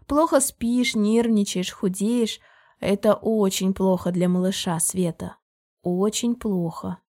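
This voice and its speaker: A woman reading the part of a controlling man in an audiobook, speaking evenly and almost friendly while quietly pressuring. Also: mid-range voice, slow. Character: controlling adult man, calm and falsely caring.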